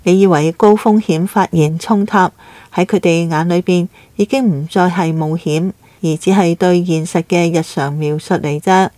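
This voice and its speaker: A woman narrating a scripted news commentary in a steady, even reading delivery. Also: on the low side, normal speed, dry recording.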